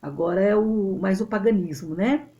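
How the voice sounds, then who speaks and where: A Brazilian woman teaching a literature lesson to a camera, explaining step by step in an animated way and often checking that her students follow. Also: medium pitch, moderate pace, muffled recording. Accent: Brazilian Portuguese. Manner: animated and explanatory, checks understanding with tag questions. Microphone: camera mic.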